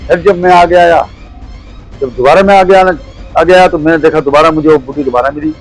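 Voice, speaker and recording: A middle-aged man from Pakistan telling a personal ghost story as an interview guest, halting and repetitive, often restarting his phrases. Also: a little high, faint music behind, poor audio.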